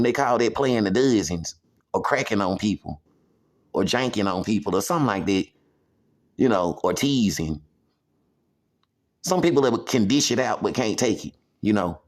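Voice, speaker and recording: Emphatic man in a rambling monologue. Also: lowish voice. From United States. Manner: repetitive, emphatic, heavy use of "you know". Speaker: vlogger. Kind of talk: personal monologue to camera.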